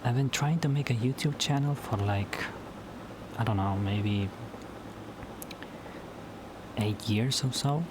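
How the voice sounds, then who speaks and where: Late at night at home, a man whose first language is Spanish films a solo YouTube vlog, speaking haltingly and restarting sentences with repeated words. He has a mid-range voice, and the background is noisy.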